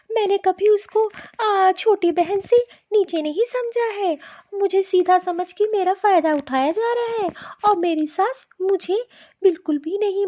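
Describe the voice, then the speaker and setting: A woman plays a young cartoon elder daughter-in-law, fed up and scolding in a very high, thin voice. The audio is slightly dull and lo-fi. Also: dark tone. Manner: aggrieved, scolding. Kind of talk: cartoon voice acting.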